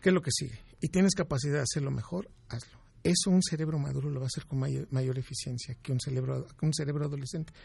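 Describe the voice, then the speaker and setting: A man's voice: medium pitch, fairly even intonation, fast talker, creaky, a little mellow, husky, dry recording. A man, a doctor guest in an interview, giving emphatic advice and explaining with examples.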